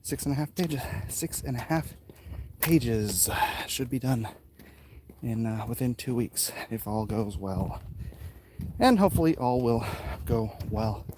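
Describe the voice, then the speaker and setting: Out on hilly residential streets, a middle-aged American man who vlogs and makes art rambles casually to viewers while walking uphill, a bit out of breath, offhand and self-deprecating. He speaks at medium pitch, expressive and unhurried, over noisy outdoor walking audio with clicks.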